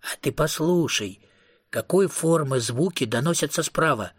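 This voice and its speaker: A husky-voiced man voicing an eager, bossy young female vampire in an audiobook reading. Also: on the high side, expressive, measured pace, no room sound, studio quality. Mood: coaxing. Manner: coaxing, teasing.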